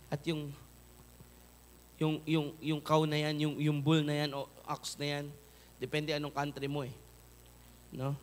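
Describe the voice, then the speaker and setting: A male pastor with a Filipino accent preaching a sermon, moving between loud emphatic peaks and soft, low pleading. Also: monotone, a little slow, long pauses, slight background noise.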